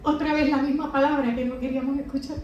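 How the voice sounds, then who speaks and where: A woman's voice: high voice, level tone, fast talker, a little mellow, dull audio, faint music behind. A middle-aged woman gives an emphatic personal testimony to a congregation and keeps asking the audience rhetorical questions. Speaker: church speaker and mother giving testimony. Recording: very echoey hall, mic far off.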